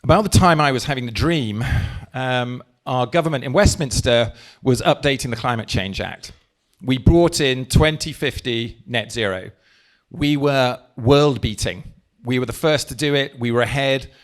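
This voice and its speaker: The speaker is an Englishman and party leader, delivering a forceful live address to a crowd with slow, stressed phrasing. He uses a handheld microphone, and his voice is mid-range.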